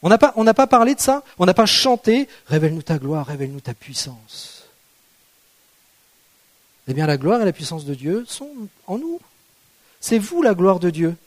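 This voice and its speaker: Guy preaching a sermon, pretty high voice, casual and jokey, keeps asking the crowd questions. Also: very animated, moderate pace. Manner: conversational, asks the congregation rhetorical questions; playful, jokes with the audience.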